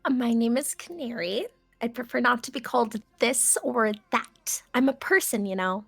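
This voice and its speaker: A woman's voice: on the high side, moderate pace, creaky, a bit bright, breathy edge, faint music behind. A woman playing a tabletop game, chatting casually in character.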